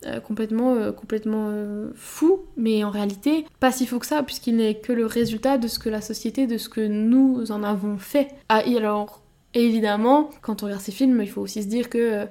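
A woman's voice: a little high, a little fast, mellow. A woman hosting a podcast, talking through her thoughts with many hesitations and restarts. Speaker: podcast host. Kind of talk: casual podcast monologue.

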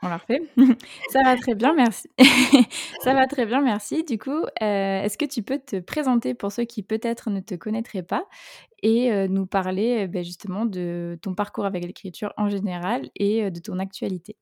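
A woman's voice: medium pitch, moderate pace, dark tone. A woman hosting a casual podcast interview, chatty and laughing easily, with lots of fillers. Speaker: podcast host.

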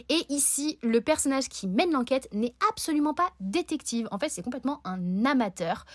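A woman's voice: a little high, no room sound, clean studio sound. A woman presenting a scripted book podcast chronicle, breaking it up with playful, self-mocking asides.

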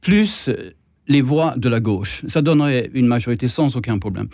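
A man's voice: mid-range voice, animated, moderate pace, darkish tone, dry recording, clean studio sound. A man with a Swedish accent speaking as a guest on a political debate panel, hesitant, stumbling over repeated words and restarts. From Sweden.

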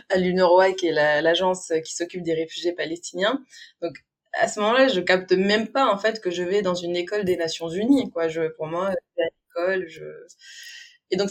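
Thoughtful, hesitant woman podcast guest. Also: fairly low pitch. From Syria. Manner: reflective, with frequent hesitations and fillers. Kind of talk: conversational interview.

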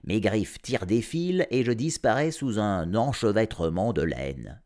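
A man reading an audiobook aloud, narrating as a grumpy cat in a sardonic, animated first-person voice. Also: on the low side, unhurried. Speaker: storyteller.

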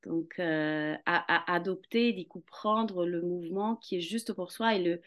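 In a conversational interview, a guest who practices Pilates and Rolfing speaks at a measured pace in a voice on the low side, a bit bright. Italian is her first language, and she hesitates often, searching for words and filling gaps with fillers and restarts.

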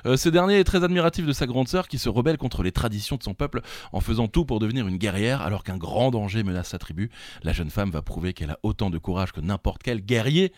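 A man's voice: fairly low pitch, lively intonation, fast, a little mellow, no room sound, clean studio sound. Playful French quiz co-host man. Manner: jokey, laughs often, sing-song jingles. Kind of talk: playful casual quiz banter.

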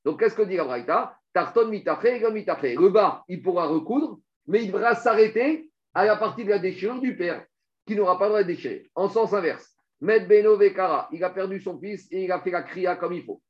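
A man teaching a Talmud lesson, explaining rapidly and animatedly while reading out Hebrew and Aramaic passages. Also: high voice, animated. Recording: dull lo-fi recording.

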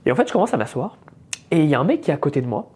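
A man's voice: a little high, very animated, rapid-fire, a little mellow, husky. A man in his thirties from France, hosting a podcast and telling a story in a casual, chatty way, mixing English business words into his talk. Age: 30s. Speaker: podcast host.

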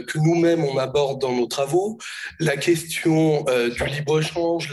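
A man with a hoarse, broken, gravelly voice introducing a public conference in a halting, hesitant way. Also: fairly high pitch. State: hoarse, voice cracking. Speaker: institute director introducing speakers.

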